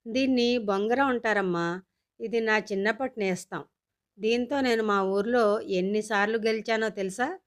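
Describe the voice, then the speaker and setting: A woman's voice: medium pitch, moderate pace, natural voice. A woman voicing a nostalgic middle-aged dad. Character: doting middle-aged father, nostalgic and dramatic.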